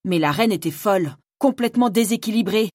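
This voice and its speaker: A woman narrating a fantasy audiobook in the first person, measured and dramatic. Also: medium pitch, animated, a little mellow, no room sound, clean studio sound.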